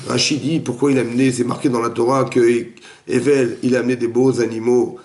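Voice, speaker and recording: A man, a rabbi, giving a lively interactive Torah class, quizzing his students and acting out the dialogue. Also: medium pitch, brisk. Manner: animated, questions the students, acts out dialogue. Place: echoey room with students. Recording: roomy echoey room recording.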